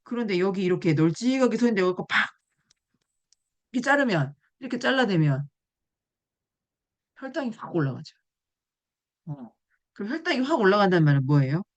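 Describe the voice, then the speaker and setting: A woman's voice: medium pitch, brisk, long pauses. A woman giving a classroom nutrition lecture, explaining with examples and asking the audience questions. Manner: animated, asks the class questions.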